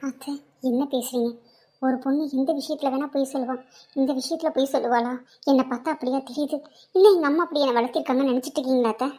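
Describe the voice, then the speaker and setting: Woman playing a young daughter in a cartoon, high voice, pleading hard, swearing she's honest. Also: fairly even intonation, quick pace, warm tone, close to an everyday voice. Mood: indignant. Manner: tearful, pleading, insistent. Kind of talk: cartoon drama voice acting.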